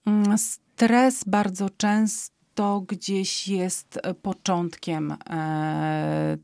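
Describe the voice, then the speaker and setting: A woman speaking as an expert guest in an interview, explaining calmly with frequent hesitation fillers and a habit of ending points with a questioning tag. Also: medium pitch, drawn-out words, vocal fry, no echo. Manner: calm and explanatory, often ends points with a questioning "tak?".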